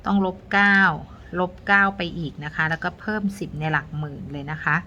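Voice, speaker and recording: A middle-aged woman teaching a math lesson to young pupils, counting each step aloud in a patient, polite way. Her voice sits a little low yet sounds bright and forceful. A faint steady hiss runs under the recording. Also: brisk, lo-fi sound.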